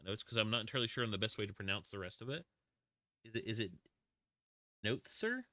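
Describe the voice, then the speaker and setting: Man, game streamer, casual chat, self-deprecating, somewhat low voice, dry close sound. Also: fairly even intonation, very fast, no echo. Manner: chatty, self-deprecating, greets chat warmly. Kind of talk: casual live-stream chat while playing.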